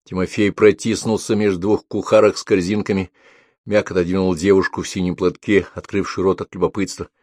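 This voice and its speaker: A man narrating a novel as an audiobook in a steady storytelling manner. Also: fairly low pitch, no echo, studio quality.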